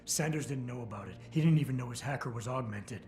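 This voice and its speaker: An actor playing a stoic, cool cyborg security chief in a video game, speaking in a terse, restrained, dry way. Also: male voice, mid-range voice, fast, darkish tone, soft background music, close to an everyday voice. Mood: firm, restrained. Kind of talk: video game dialogue acting.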